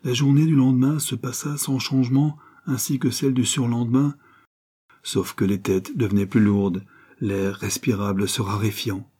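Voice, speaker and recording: Husky, dark-voiced male audiobook narrator. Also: mid-range voice, moderate pace. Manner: steady storytelling with lifted voice in dialogue. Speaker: audiobook reader.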